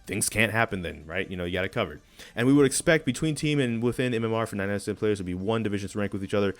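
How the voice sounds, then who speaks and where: A young man who runs a gaming channel, reading a post aloud and commenting on it in a chatty, animated way, often stumbling and correcting himself. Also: fairly low pitch, racing. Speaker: gaming video creator.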